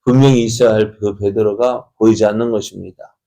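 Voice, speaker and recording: Low, mellow-voiced male pastor preaching. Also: fairly even intonation, brisk, creaky. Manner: storytelling with constant rhetorical questions to the congregation; acts out the characters' dialogue in changing voices. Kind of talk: sermon at early-morning prayer service.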